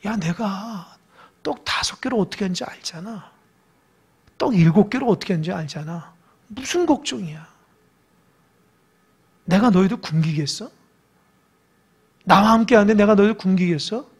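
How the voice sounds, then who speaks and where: A man's voice: very high-pitched, very animated, normal speed, full character voice. Guy doing a fed-up teacher scolding his followers, impatient and chiding.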